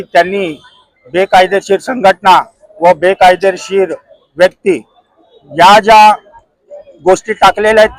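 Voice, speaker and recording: A man speaks to a reporter at a protest in a high voice that barely rises or falls. He is earnest and stops to restart his words now and then. The sound is dry and close. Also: no echo, low-quality recording. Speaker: organization president. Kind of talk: street interview statement. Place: outdoors at a protest.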